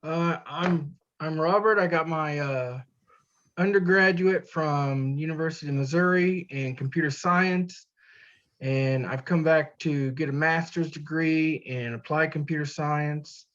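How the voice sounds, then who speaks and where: A man's voice: a little high, fairly bright tone. Middle-aged man introducing himself, dull sound. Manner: halting, with "uh" pauses. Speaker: student presenter. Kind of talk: self-introduction. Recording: slightly dull recording.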